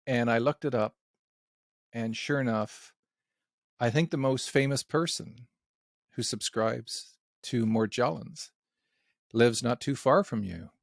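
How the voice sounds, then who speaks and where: A man's voice: medium pitch, slow pace, vocal fry, pauses often, dry recording, clean studio sound. A man hosting a podcast, asking curious, playful questions. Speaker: podcast host. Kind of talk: casual podcast interview.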